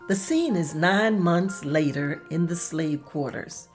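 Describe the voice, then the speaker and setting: Soft music plays faintly beneath a woman as she narrates the stage directions of a script. Her voice is a little low, and she speaks very slowly.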